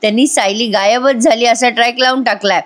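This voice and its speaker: A chatty young woman with a Marathi accent, retelling a TV serial episode and turning to her viewers. Her voice sits a little high for a woman. She keeps a steady, conversational flow. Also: a little fast. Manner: chatty, addresses viewers directly. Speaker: serial review narrator.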